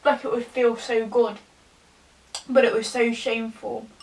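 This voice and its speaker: A young woman, tipsy, giving a rambling, halting confessional rant to a camera some distance away. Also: a little high, little pitch movement, vocal fry. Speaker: vlogger. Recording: distant from the mic.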